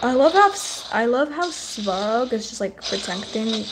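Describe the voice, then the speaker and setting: A woman streaming a video game, chatting in a giggly, excitable way. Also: a little high, moderate pace, background noise. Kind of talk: casual gameplay commentary.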